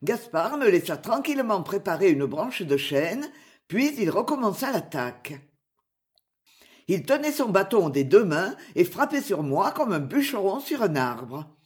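A reader narrating a classic adventure novel in an expressive storytelling manner. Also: medium pitch, measured pace. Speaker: audiobook narrator.

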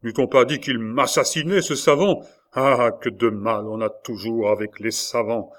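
A man reading the part of a gruff, blustering older jailer in an audiobook, with exclamatory lines. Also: mid-range voice, steady tone, normal speed, close to an everyday voice. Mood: grumbling.

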